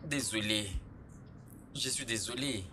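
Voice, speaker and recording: A man's voice: mid-range voice, slow, natural voice. A man dubbing a remorseful husband in French, speaking in a subdued, apologetic way over background noise. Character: remorseful husband begging forgiveness. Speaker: unfaithful husband. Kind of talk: French film dub.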